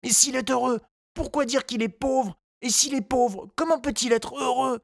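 A man's voice: very high-pitched, normal speed, creaky, dry recording, clean studio sound. A man voicing a curious, earnest little boy in a storybook reading, asking questions in a wondering way. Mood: puzzled.

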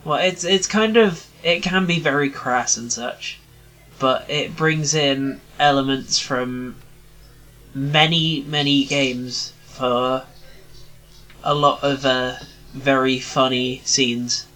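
A man in his twenties, a podcast co-host in casual chat, rambling with many pauses and restarts. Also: medium pitch, pushed and bright, soft background music, rough recording.

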